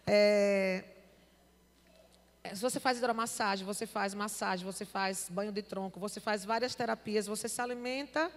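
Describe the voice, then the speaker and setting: A woman with a Northeastern Brazilian accent tells her testimony to a church audience. She acts out the voices in her story in a gravelly tone. The sound has the long reverb of a church hall. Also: mid-range voice, steady tone, normal speed. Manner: storytelling, acting out dialogue. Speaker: church member giving testimony.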